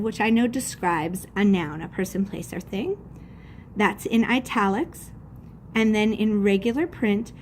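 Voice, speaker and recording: A woman's voice: mid-range voice, slight background noise. Patient woman teacher spelling out words. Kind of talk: classroom lesson demonstration.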